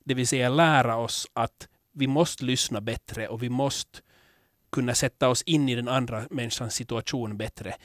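A man hosting a podcast in casual chat, candid and rambling, with many restarts, growing animated when telling stories. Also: medium pitch, no echo, studio quality. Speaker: podcast host.

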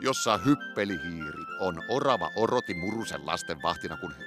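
A man's voice: low-pitched, expressive, music in the background. A man narrating a children's radio play in a playful, conversational way.

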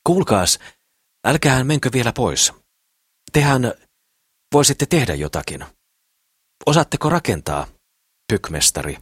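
A man voicing a cheerful, eager young businessman in an audiobook, speaking in an excited, pleading way. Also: low-pitched, long pauses, slightly rough, no room sound, studio quality, heavily acted.

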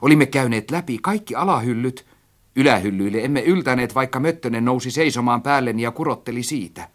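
A man narrating a story as an audiobook, reading expressively and acting out his own quoted lines. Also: medium pitch.

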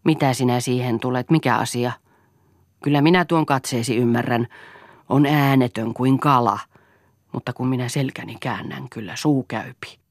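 A woman's voice: very deep voice, no room sound, clean studio sound. A woman voicing a spiteful, bullying husband. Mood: menacing. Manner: snarling, bullying, loud. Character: bitter, spiteful middle-aged husband.

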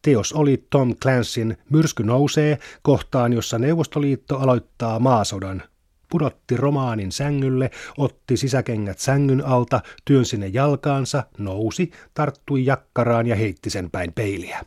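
A man reading literary fiction aloud in a measured, even narration. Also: mid-range voice, no echo, clean studio sound. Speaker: reader.

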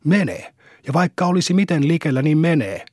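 A man's voice: fairly high pitch, no room sound, clean studio sound, natural voice. A man reading the lines of a proud, boasting village boy in a storybook. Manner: proud, eager.

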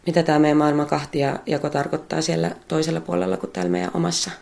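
A woman's voice: low voice, lively intonation, gravelly, darkish tone. A woman who works as a puppet theatre artist, answering interview questions while thinking aloud, restarting and repeating words.

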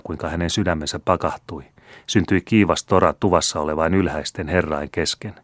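A man reading the part of a scheming, vengeful male steward, speaking with hushed, sneering false humility in an audiobook. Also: deep voice, dry recording, close to an everyday voice. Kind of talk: audiobook character voice.

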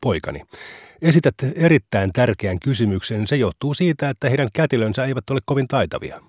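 A man voicing a patient, gentle old male sage in a read-aloud story, speaking softly and kindly. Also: mid-range voice, expressive, husky, no room sound, clean studio sound.

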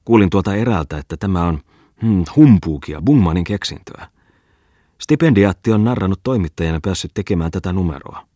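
Fussy old postmaster, outraged , a man reading him: huffy and scolding, husky, dry. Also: sits low, animated, mellow, dry recording. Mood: indignant. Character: indignant old male postmaster.

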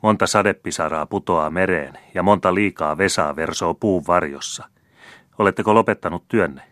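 A man voicing a stately, kindly countess in a storybook reading, speaking calmly and with dignity. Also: sits low, no echo, studio quality. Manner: calm and dignified.

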